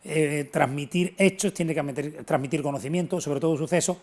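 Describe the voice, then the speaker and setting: A fairly quick, somewhat high voice with a darkish tone belongs to a middle-aged man, a local historian from Antequera, southern Spain. He's a guest giving earnest, emphatic explanations in unscripted TV interview answers.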